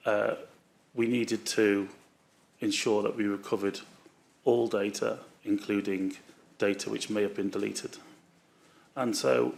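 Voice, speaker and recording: Gravelly man giving halting testimony. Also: on the low side. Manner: halting, many fillers and restarts. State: voice going from flu. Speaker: witness at a public inquiry. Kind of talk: formal testimony.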